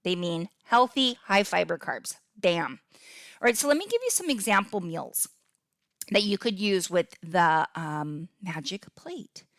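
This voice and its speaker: A woman's voice: on the low side, big pitch swings, a little slow, fairly bright tone, dry recording, studio quality. A middle-aged woman hosting a fitness podcast in a casual, upbeat way, often checking in with "okay?" as she explains. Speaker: podcast host and fitness coach.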